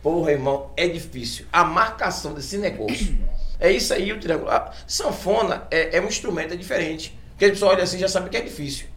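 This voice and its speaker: A man's voice: high-pitched, quick pace, a bit bright. A man with a Bahian Brazilian accent hosting a casual live interview chat in informal, slangy speech. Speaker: show host. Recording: roomy echo, faint background noise.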